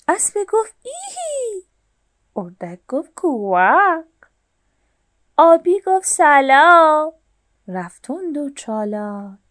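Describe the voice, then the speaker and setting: Female storyteller for young kids, bright high voice, very animated, dry close recording. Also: no echo. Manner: playful, animal sounds and character voices. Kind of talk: children's story narration in rhyme.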